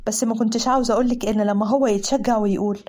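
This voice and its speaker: A woman's voice: a little high, steady tone, racing, mellow, natural voice. A woman with an Egyptian accent voicing a middle-aged aunt who speaks in a matter-of-fact way. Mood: calm. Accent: Egyptian Arabic.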